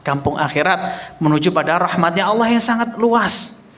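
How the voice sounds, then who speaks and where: A man's voice: high-pitched, normal speed. A young man preaching a casual sermon, telling stories animatedly and acting out the people in them. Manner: animated storytelling, acts out quoted voices, addresses audience as Pak.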